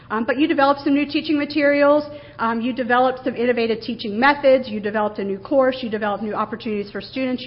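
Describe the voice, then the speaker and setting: A woman's voice: on the high side, lo-fi sound. A woman, a university administrator, giving a conversational presentation to faculty, earnest and emphatic as she stresses key words.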